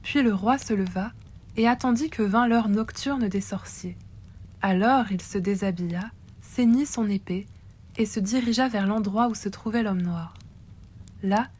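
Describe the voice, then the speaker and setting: A woman storyteller reads a classic tale aloud in a measured, expressive way. Her voice is mid-pitched and steady. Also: breathy edge.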